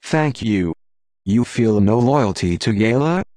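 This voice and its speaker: A man voicing a calm, patient Jedi master in an audiobook, speaking quietly and firmly. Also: on the low side, no echo. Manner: quiet, firm and measured.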